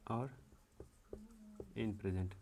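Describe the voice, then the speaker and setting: A young man teaching English grammar in a slow, repetitive way, checking in often. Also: on the low side, a little mellow, a little hiss or hum. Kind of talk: classroom-style grammar lesson.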